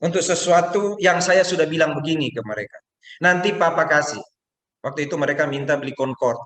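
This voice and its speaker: A man's voice: on the high side, quick pace. A middle-aged man with an Indonesian accent preaching a sermon, telling stories and acting out quotes. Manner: animated storytelling, acts out quotes. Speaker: pastor. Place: church hall. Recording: echoey room.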